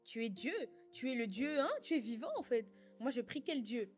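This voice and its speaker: A woman's voice: fairly high pitch, animated, normal speed, soft background music. A woman co-hosting a casual faith conversation, talking earnestly and growing fervent about prayer. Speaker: podcast co-host.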